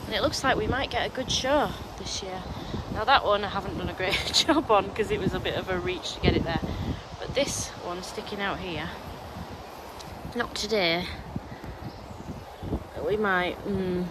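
A woman's voice: medium pitch, normal speed. A woman vlogging from her allotment outdoors, chatting casually as she shows her work. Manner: chatty, explaining as she works. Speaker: gardening vlogger. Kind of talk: casual walk-through chat. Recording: noisy outdoor recording. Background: wind and a strimmer.

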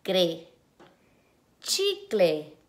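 A woman teacher leading a phonemic awareness lesson for young children, sounding out syllables slowly and clearly one phoneme at a time. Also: on the low side, wildly swooping pitch. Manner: slow, clear, drawn-out sound-by-sound pronunciation.

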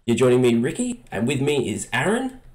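A relaxed man hosting a casual gaming let's play. He talks in an easygoing, jokey way and laughs often between comments. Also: medium pitch, a little fast.

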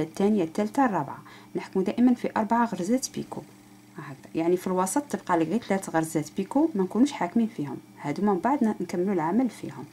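Algerian woman, crochet tutor, fast and gravelly, counts stitches aloud, faint hum. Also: medium pitch, mellow. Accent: Algerian Arabic. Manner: counts stitches aloud, addresses viewer directly. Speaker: crochet teacher. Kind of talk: step-by-step craft tutorial.

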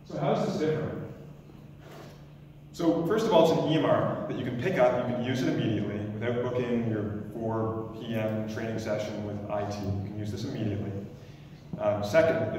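An emergency doctor in his thirties delivers a loud, energetic startup pitch in a lecture hall, restarting his sentences often. He speaks into a stand mic but is recorded from a distant camera, so the sound is echoey and far off, with slight background noise.

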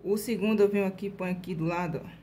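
A Brazilian woman with a mid-range, mellow voice and fairly even intonation hosts a casual nail art tutorial, with slight background noise. Her accent is Brazilian Portuguese, and she talks freely, checks in with viewers constantly, and slowly demonstrates brush strokes one step at a time.

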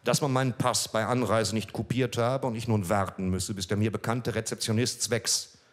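On a small club stage, a middle-aged man does deadpan stand-up, reading a story off a page into a handheld microphone. He occasionally breaks away to speak to the crowd, his voice on the low side and his pace normal.

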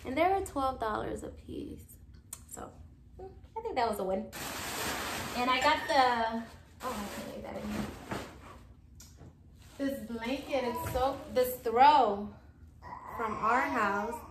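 A woman's voice: on the high side, animated, slow, long pauses, background noise. Chatty woman in an echoey room. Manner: chatty, showing items one by one. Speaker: vlogger. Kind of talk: casual haul chat. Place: living room, indoors. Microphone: camera across the room.

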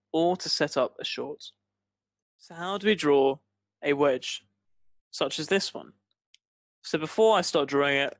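Speaking in a mid-range voice, a man who teaches trading explains a scripted tutorial one step at a time. He records on a dry, close voice-over mic with no echo.

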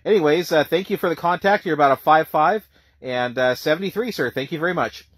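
Making a ham radio contact, a man uses phonetic spelling and plain radio jargon, repeating details so they come through clearly. His husky voice is slightly high, fairly quick, and a bit bright, with no room sound.

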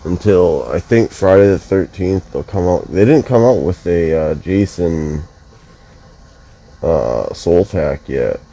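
A man's voice: sits low, animated, takes it slowly, dark tone, poor audio. A man commentating his mobile game casually, groggy from just waking up, swearing and muttering to himself. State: just woke up, yawning.

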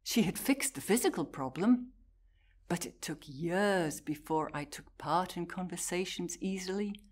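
A woman delivers a prepared talk to an audience, speaking in a low register. She takes her time, setting out each short phrase slowly and deliberately as she tells her own story. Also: lively intonation.

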